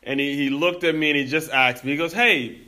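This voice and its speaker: Bright-voiced man telling his story. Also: fairly high pitch, fairly even intonation, fast talker. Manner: earnest and reflective, addresses listeners as teammates. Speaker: podcast host. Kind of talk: personal storytelling monologue.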